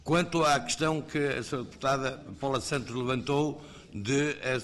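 A man with a European Portuguese accent speaks in a parliamentary committee debate. He argues his position with many hesitations and restarts. His voice sits at an ordinary middle pitch. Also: normal speed, fairly bright tone. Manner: hesitant, with fillers and restarts, argumentative. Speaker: member of parliament.

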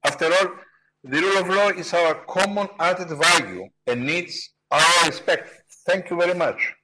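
A man's voice: high voice, moderate pace, pushed and bright, poor audio. A man from Cyprus with a Cypriot accent, delivering a formal prepared speech as a parliamentarian.

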